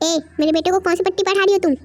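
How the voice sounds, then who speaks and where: A high young voice playing a scheming, nagging middle-aged stepmother in an amateur fan audio drama, shrill, slow and whining. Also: steady tone. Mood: indignant.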